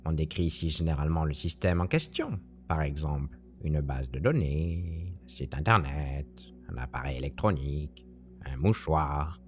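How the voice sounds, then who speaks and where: A woman's voice: a bass voice, moderate pace, a little mellow, soft background music. A woman presenting a scripted, playful explainer in a theatrical, teacherly manner. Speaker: podcast presenter.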